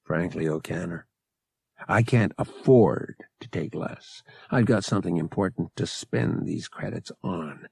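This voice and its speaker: A man's voice: deep voice, a little slow, gravelly, mellow, slightly rough, dry recording, studio quality, exaggerated voice. A man voicing a cocky, hard-nosed young male smuggler who bargains bluntly.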